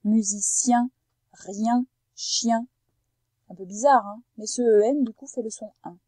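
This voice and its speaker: A woman teacher giving a phonics lesson to a young pupil, patiently spelling out sounds and stretching words slowly and carefully. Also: fairly high pitch, darkish tone, husky, no echo, rough recording. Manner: slow, careful over-articulation of sounds for a child.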